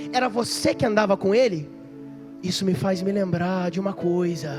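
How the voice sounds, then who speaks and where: A man preaching in the voice of the apostle Peter, an old man facing execution, with impassioned, loud, rising declarations. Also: high-pitched, natural voice. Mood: startled, resolved.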